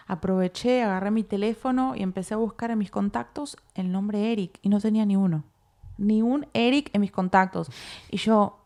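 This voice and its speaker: A Uruguayan woman co-hosts a casual chat and tells her testimony with lively energy, voicing her own thoughts as she goes. Her voice has a gravelly fry running through it at a middling pitch. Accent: Uruguayan Spanish. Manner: animated, acts out her own inner dialogue. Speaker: co-host.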